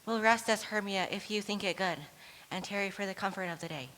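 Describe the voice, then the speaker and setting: A woman's voice: mid-range voice, a little fast, fairly bright tone, lightly acted. A woman playing an ardent young nobleman who speaks in impassioned verse. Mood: tender. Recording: echoey hall.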